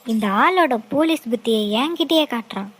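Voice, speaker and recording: A woman's voice: sits high, lively intonation, moderate pace, fairly bright tone, rough recording. A woman voicing a jealous, scheming young woman who mutters scornful asides in a cartoon. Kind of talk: cartoon voice acting.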